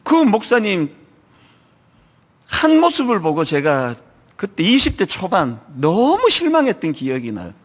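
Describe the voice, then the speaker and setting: A middle-aged man from the region preaching a sermon, lively and acting out church members in quoted asides. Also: high voice, measured pace. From Gyeongsang region, Korea. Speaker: pastor. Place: large church sanctuary. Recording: long hall reverb.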